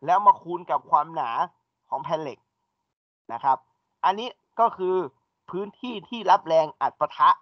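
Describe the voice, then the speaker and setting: A male engineering lecturer with a slightly high voice teaches a class at normal speed, expressive and pausing often as he explains each step and questions his students. The classroom recording is dull and dry, with no echo.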